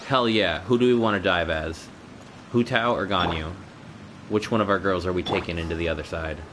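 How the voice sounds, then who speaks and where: Over video game music, a man streams a game while giving casual live commentary full of slang and swearing. His voice is low and fairly quick, with background noise in the recording.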